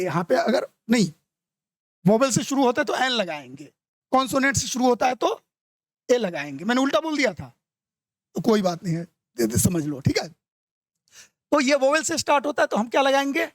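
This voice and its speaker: A man with an Indian accent teaching an exam-prep grammar lesson. He says example sentences slowly and keeps checking whether the students have understood. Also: extremely high pitch, big pitch swings, no echo.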